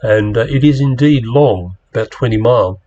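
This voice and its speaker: A man giving a rambling, relaxed slide-show talk to a club, with plenty of fillers as he steps through his pictures. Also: medium pitch, normal speed, lo-fi sound. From Australia. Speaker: club presenter.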